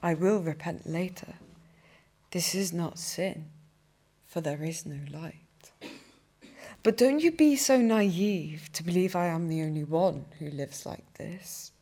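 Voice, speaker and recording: A young woman, a poet, reading her own poems aloud in a cathedral with slow, measured delivery. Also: lowish voice, animated, dark tone. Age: young adult. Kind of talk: poetry reading.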